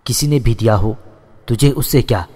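A man's voice: mid-range voice, a little mellow, lightly acted. Man doing a scolding old feudal landlord, commanding and insulting, long echoing reverb. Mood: angry scolding. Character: stern elderly male feudal landlord, hot-tempered.

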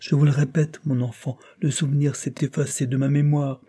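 A man reading aloud voices a sickly, anxious older woman who talks in a hushed, plaintive way. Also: medium pitch, flat delivery, a little fast, slightly rough, pitched above the performer's own voice, lightly acted. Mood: fearful, plaintive. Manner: fearful, plaintive.

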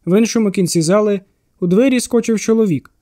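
High-voiced man narrating an audiobook. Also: no echo, studio quality. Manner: steady, measured storytelling.

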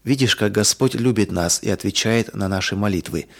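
A man voicing a kind elderly woman, a church teacher, speaking softly and soothingly. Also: on the low side, fairly quick.

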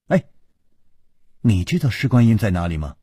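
A man storyteller voicing a quick-tongued young princess who teases and questions impatiently. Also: lowish voice, sing-song, mellow, breathy edge, no echo, studio quality.

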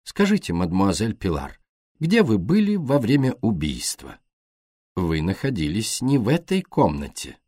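A man voicing a shrewd, courteous foreign male detective in an audiobook, talking slowly, softly and deliberately. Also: lowish voice, big pitch swings, no echo, clean studio sound. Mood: probing. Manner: slow, soft, deliberate.

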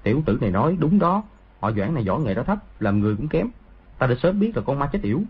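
A man voicing a cunning young schemer in an audiobook, plotting in a low, husky voice. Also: sing-song, fast talker. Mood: scheming. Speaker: audiobook voice actor. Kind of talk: audiobook dialogue reading. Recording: dull lo-fi audio.

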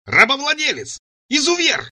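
A man's voice: huge pitch swings, normal speed, bright, forceful tone, exaggerated voice. A man reading an audiobook, voicing a furious, hysterical young woman who shrieks accusations. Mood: shrieking furious. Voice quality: shrill shrieking.

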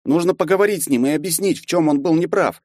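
A brave, earnest young orc student speaks in a raised, bright tone, as a male audiobook narrator puts him on. His voice is firm and sincere. The sound is close and dry, with no room around it. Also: fairly high pitch, quick pace, no echo, pitched above the performer's own voice, lightly acted. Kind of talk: audiobook character voice.

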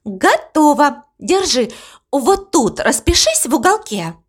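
A woman reading an audiobook voices Death as a young female trainee, brisk, bossy and matter-of-fact. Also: high voice, big pitch swings, pitched above the performer's own voice, full character voice.

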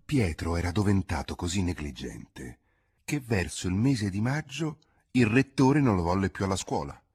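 A man narrating a classic novel as an audiobook, measured and expressive. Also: sits low, slightly rough. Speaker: audiobook reader.

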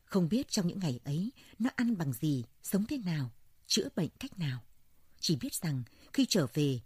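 Female folk-story narrator, husky and low, measured delivery. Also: big pitch swings, a little mellow, dry recording, studio quality.

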